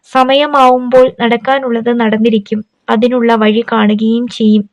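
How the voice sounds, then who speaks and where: Woman narrator doing a kind old father, gentle and consoling, even, flat tone. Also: fairly high pitch, unhurried, no room sound, dull audio, close to an everyday voice.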